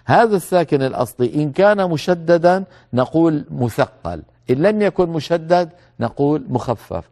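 Male recitation teacher, mellow low tone, patient explaining, slow demonstration of words. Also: lively intonation. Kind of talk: tajweed lesson with slow demonstrations.

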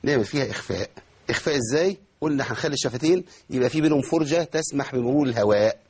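Egyptian man as recitation teacher, rapid and a little raspy, calls on students and models verses slowly. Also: medium pitch, expressive, darkish tone. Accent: Egyptian Arabic. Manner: quizzes students by name, demonstrates verses slowly. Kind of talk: tajweed lesson with students.

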